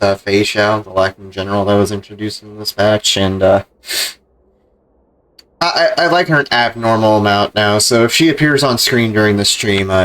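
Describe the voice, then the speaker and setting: A man's voice: on the low side, fairly bright tone, low-quality recording. A man streaming a game, mixing casual commentary with reading the on-screen text aloud.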